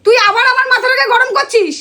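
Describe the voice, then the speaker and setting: A woman with a Bengali accent tears into her husband in a staged comedy quarrel, her voice very high and sharp. She talks extremely fast and hurls insults without a break. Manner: scolding, insulting, loud and fast. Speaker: wife in comedy sketch.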